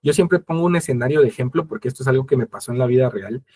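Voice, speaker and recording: A man leading an online training session, talking at a brisk clip. His voice has a husky, slightly rough edge. He explains each step directly to his viewers and slips into quoted dialogue to make his points. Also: mid-range voice, dark tone. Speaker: webinar presenter. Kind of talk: instructional webinar talk.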